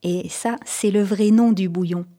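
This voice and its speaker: A woman's voice: mid-range voice, measured pace. Woman reading a children's story aloud. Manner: lively, raising her voice for the characters' lines. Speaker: audiobook reader. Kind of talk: scripted storybook narration.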